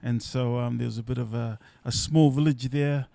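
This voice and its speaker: A man's voice: medium pitch, fairly even intonation, creaky, no echo. Middle-aged New man, reflective. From New Zealand. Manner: unhurried, reflective, trailing softly with restarts. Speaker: podcast guest. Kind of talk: relaxed storytelling. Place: indoors at a company's headquarters.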